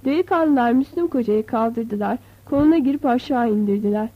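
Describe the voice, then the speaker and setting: High-voiced woman reading a novel. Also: brisk, dry recording. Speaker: narrator. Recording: dull, slightly lo-fi.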